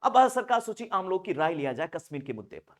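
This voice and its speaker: Animated joking male pharmacology teacher. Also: high voice, fast. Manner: joking, theatrical, acts out dialogues and shouts. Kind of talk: animated classroom lecture.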